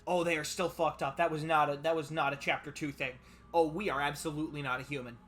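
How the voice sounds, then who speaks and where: A man's voice: on the high side, fairly even intonation, fast talker, fairly bright tone, slight background noise. A young man giving casual let's play commentary, reactive, informal and given to swearing. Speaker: game streamer.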